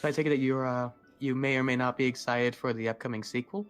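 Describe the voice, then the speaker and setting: A man's voice: medium pitch, fairly even intonation, fast talker, smooth, faint music behind. A man co-hosting a podcast, asking questions in a rambling, casual way. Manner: rambling, filler-heavy. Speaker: podcast co-host.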